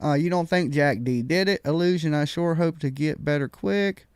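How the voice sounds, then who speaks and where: Guy hosting a livestream, kinda high voice, slangy and casual, dry close sound. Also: normal speed, darkish tone, clear, resonant tone, dry recording. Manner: folksy, slangy. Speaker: live stream host. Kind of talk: casual panel chat.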